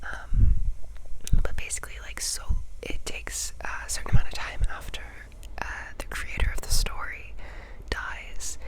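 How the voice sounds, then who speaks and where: A woman whispers quickly in an ASMR style as host, chatty and self-deprecating, playfully repeating words and syllables. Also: rough recording.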